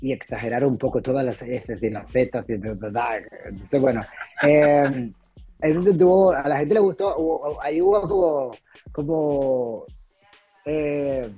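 A man from Venezuela, the actor guest on a video call, sits in a home room chatting loosely about his stage roles, full of fillers and restarts as he rambles. His medium-pitched voice is mellow and husky and a little slow, heard through dull, lo-fi call audio with faint music.

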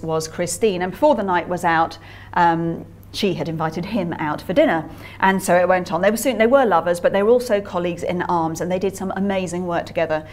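A woman author giving a public history lecture, telling stories in a chatty way with frequent ums and uhs. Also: on the low side. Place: museum lecture talk.

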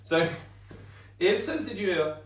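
Chatty karate instructor, lively. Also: male voice, high-pitched, measured pace. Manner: chatty, keeps asking "right?". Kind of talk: teaching a class. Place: training hall. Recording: echoey room, voice from far off.

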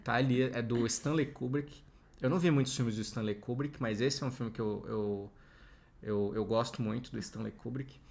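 A man's voice: mid-range voice, steady tone, normal speed, vocal fry, a little mellow. A man in his thirties from Brazil, chatting casually as co-host with a dry, understated manner. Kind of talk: casual chat.

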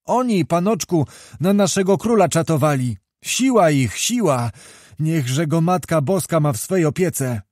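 Scared peasant folk, pleading, higher and louder, a guy voicing them. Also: lively intonation, a little slow, no echo, clean studio sound. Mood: frightened. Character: frightened peasant refugees, simple and pleading.

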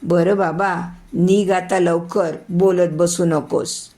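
Lady doing worried big sister, fusses a lot, slow gravelly voice. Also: fairly low pitch, fairly even intonation, dark tone. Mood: fussing. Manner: fussing, affectionate scolding. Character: caring elder sister, worried and fussing.

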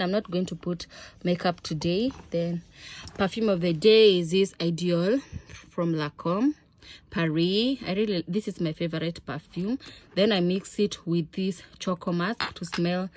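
A young Kenyan woman in her twenties, talking casually to her phone camera in a small bedroom and mixing Swahili words into her English. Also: on the low side. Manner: chatty, mixes in Swahili words. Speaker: vlogger. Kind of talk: casual vlog chat to camera. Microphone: phone camera held close.

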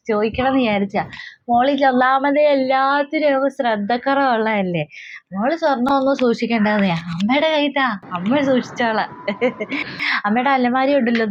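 A woman voicing a scheming middle-aged mother-in-law who talks slowly and mockingly. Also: fairly high pitch, close to an everyday voice. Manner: slow, coaxing, mocking. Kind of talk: comedy skit acting. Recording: slightly dull lo-fi audio.

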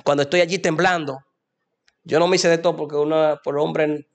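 A man's voice: fairly high pitch, fairly even intonation, a little fast. A young man telling a fervent religious testimony in a preachy way. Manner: preachy, fervent, addresses listener as "amado". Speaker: guest giving a testimony.

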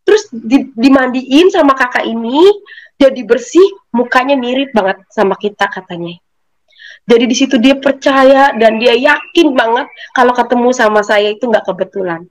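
Woman, slightly high voice, animated storyteller giving her testimony. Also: low-quality recording. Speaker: testimony giver. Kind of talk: personal faith testimony.

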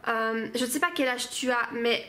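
A woman's voice: fairly high pitch, steady tone, moderate pace, bright, forceful tone. A woman reviewing stories aloud in a casual, hesitant way, full of fillers. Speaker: book reviewer. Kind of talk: casual spoken critique.

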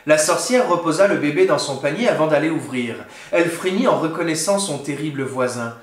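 A man reading a children's picture book aloud, with an expressive, dramatic delivery. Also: fairly high pitch, a little fast. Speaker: children's storyteller. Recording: roomy echo.

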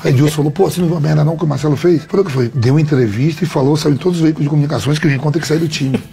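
A man's voice: a little high, racing, creaky. A man from Bahia, telling stories as a guest in a casual chat and acting out the lines of the people in them. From Bahia, Brazil. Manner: animated, acts out quoted lines. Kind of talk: casual storytelling.

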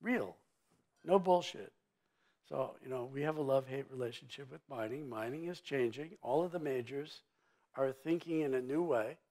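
A man's voice: medium pitch, normal speed, darkish tone. Emphatic older man on a conference stage. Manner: emphatic, sweeping and blunt, with vivid turns of phrase. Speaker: mining executive interviewee. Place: conference stage before an audience.

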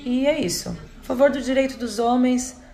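A woman's voice: high voice, normal speed, mellow. A woman chatting casually to her viewers in a vlog, talking loosely with many fillers. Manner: chatty, filler-heavy, addresses viewers as "gente". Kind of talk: casual direct-to-camera chat. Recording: echoey room with faint noise.

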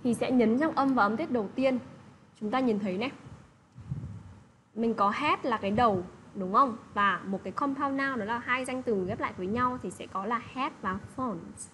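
A woman's voice: a little high, moderate pace, a bit bright, a little hiss or hum, low-quality recording. A woman teaching an English lesson to children, patiently explaining and often checking that the class has understood. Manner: patient, repeats checks like "được chưa".

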